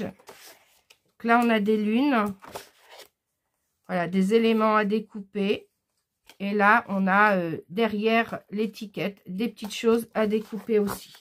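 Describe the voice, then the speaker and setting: A woman casually shows her scrapbooking purchases in a haul video, excited but halting, with frequent "euh" pauses. Her voice is a little high, and her intonation stays fairly even.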